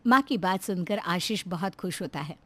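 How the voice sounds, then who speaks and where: Lively woman storybook narrator. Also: fairly low pitch, moderate pace, dry recording.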